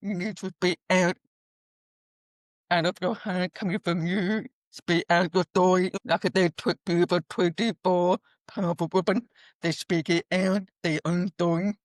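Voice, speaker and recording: A deaf woman speaks as an interview guest, her words halting and earnest, with phrasing that bends the usual grammar. Her pitch sits in an ordinary middle range. The sound is dry and close, with no room around it. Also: steady tone, no echo. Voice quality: deaf speech, her hearing profoundly impaired from birth. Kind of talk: interview answers.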